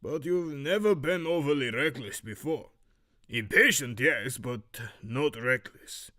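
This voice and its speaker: In a fan-made audio drama, a man plays a stern master archery instructor, lecturing in a measured, severe, admonishing way. His mid-range voice has a sharp tone and a muddled Eastern European accent that sounds somewhat Romanian.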